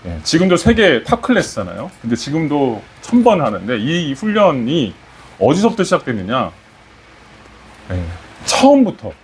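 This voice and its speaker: A man's voice: fairly high pitch, wildly swooping pitch, moderate pace, a little hiss or hum. A man preaching a Sunday sermon as pastor, putting questions to the congregation and rising in emphasis.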